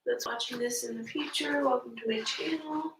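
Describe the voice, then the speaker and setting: A woman's voice: on the high side, normal speed, fairly bright tone, a little hiss or hum. A young woman with a stuffy nose leading a live-streamed yoga class, speaking casually with many fillers. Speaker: yoga teacher. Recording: roomy, distant from the mic.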